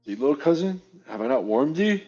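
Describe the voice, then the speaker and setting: A man's voice: fairly high pitch, sing-song, brisk, mellow, lo-fi sound, faint music behind, voice pushed up. A man playing a bold, boastful young man in a storybook reading, with cheeky, hammed-up defiance. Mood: indignant.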